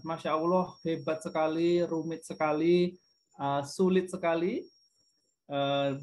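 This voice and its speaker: A middle-aged man, a guest teacher giving a patient class to children and humming example tunes. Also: fairly high pitch. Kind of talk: online class lecture to children.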